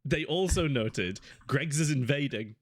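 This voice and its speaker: A man's voice: medium pitch, animated, a little slow. A man co-hosting a podcast who chats in a casual, wry way and passes on stories he has seen. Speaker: podcast co-host. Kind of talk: casual chat.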